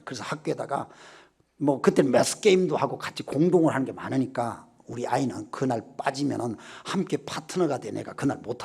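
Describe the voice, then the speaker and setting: A middle-aged pastor tells his story from a church pulpit, his voice husky and gravelly. His pitch leaps about as he moves from near-shouts to quiet asides. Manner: animated storytelling, swings from shouts to hushed asides. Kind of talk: revival sermon testimony. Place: church sanctuary.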